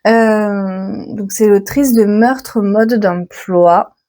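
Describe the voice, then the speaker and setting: A woman's voice: mid-range voice, very slow, mellow. A woman hosting a book channel, chatting casually and self-mockingly about upcoming releases while thinking aloud. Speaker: book vlogger. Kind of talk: casual chat about new books.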